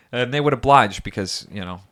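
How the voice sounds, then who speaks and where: A man's voice: on the low side, a bit bright. A young man co-hosting a podcast, talking in an earnest, rambling, argumentative way and laughing often. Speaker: podcast co-host. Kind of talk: casual chat.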